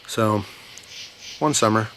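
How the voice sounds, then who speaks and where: An American man with a low voice tells a story in a casual, rambling way. He takes his time and repeats words for weight. He is recorded outside, with light ambient noise behind him. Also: a bit bright. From New Jersey, United States. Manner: unhurried, informal, emphatic repetition. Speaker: storyteller, video host. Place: outdoors at night near bushes.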